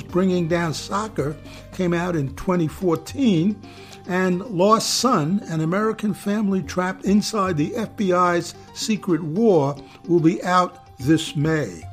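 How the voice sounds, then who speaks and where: Eighty-year-old man hosting over music. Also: high voice. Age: 80s. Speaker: podcast host. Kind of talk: scripted introduction. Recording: spoken over clear music.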